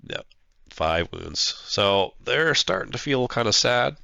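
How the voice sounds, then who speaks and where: A man getting over a flu gives casual play-by-play of the tabletop battle he is playing, nasal and stuffed-up, thinking aloud with plenty of hesitant fillers. His mid-range voice is very animated, creaky, pushed and bright, and he takes it slowly. There is no room sound, and the highs are cut off.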